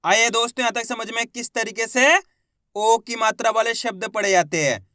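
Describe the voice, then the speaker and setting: A man teaching Hindi reading in a slow step-by-step lesson, patiently repeating each word and sounding out syllables. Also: very high-pitched, pushed and bright, dry recording, studio quality.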